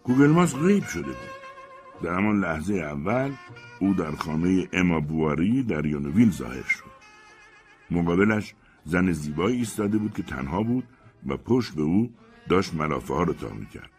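Male audiobook narrator, deep, lively pitch, scripted narration, expressive. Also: breathy edge, soft background music. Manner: expressive storytelling.

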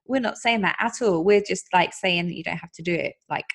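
A woman's voice: on the low side, brisk, vocal fry, fairly bright tone. A woman in her thirties talks through life and happiness in an easy, chatty way. She speaks earnestly and laughs often as she goes. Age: 30s. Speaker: podcast host. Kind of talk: casual chat.

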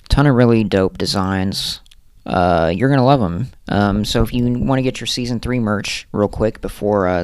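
A man's voice: fairly low pitch, smooth, no echo. A man co-hosting a podcast, talking loosely with lots of fillers and swearing, reading out a sponsor plug and a story. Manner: loose, filler-heavy and profane. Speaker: podcast co-host.

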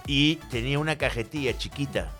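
A man with a Peruvian accent telling a comic story, animated and slangy, on a comedy podcast. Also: mid-range voice, fairly quick, soft background music. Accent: Peruvian Spanish. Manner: animated, slangy, acts out voices.

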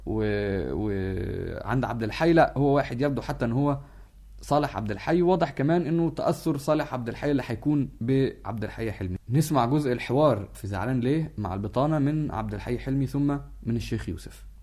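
A man's voice: mid-range voice, lively intonation, fast, darkish tone. A man with an Egyptian accent giving an explanatory lecture, walking listeners through musical details. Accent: Egyptian Arabic.

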